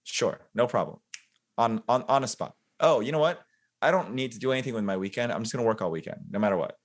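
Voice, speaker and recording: A man in his forties, a podcast guest, talking in a relaxed, reflective way with many fillers and self-mocking laughs. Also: mid-range voice, fast. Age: 40s. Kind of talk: casual interview conversation.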